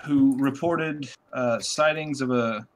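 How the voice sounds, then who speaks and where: Male tabletop player, mid-pitched, hesitant in-character questioning over faint ambient noise. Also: slow pace. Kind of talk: casual in-character role-play.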